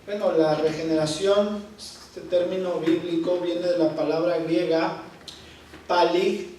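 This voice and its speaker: Male Bible teacher, high voice, slow and repetitive delivery, picked up from a distance in a reverberant hall. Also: steady tone, warm tone, slight background noise. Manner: slow, repeats key words, checks in with "¿Ok?". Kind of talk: Bible study class. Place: church hall. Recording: echoey hall, voice from far off.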